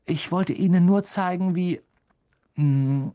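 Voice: medium pitch, slow, warm tone, pitched above the performer's own voice, lightly acted. A narrator voicing a clever schoolgirl in a raised, eager, matter-of-fact voice.

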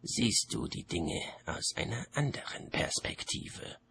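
A man's voice: fairly low pitch, sing-song, unhurried, pushed and bright, breathy edge, voice pushed up, heavily acted. A man voicing a young male wizard apprentice who hisses and pleads. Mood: pleading. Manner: hissing, pleading.

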